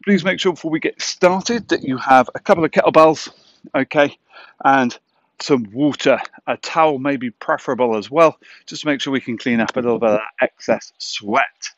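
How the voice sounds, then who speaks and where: A man's voice: medium pitch, moderate pace, no room sound, lo-fi sound. A man in his thirties working as an aerobics instructor, calling out short, encouraging exercise cues and counts while he moves. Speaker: fitness instructor leading a home workout. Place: outdoors in a garden. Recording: loud electronic music behind the voice.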